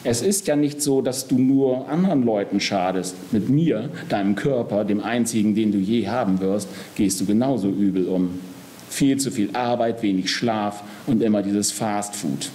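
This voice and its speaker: A man's voice: lowish voice, moderate pace, dark tone, slight background noise, close to an everyday voice. A man voicing the Body as a simple, good-natured fellow scolding earnestly in a storybook reading. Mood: reproachful.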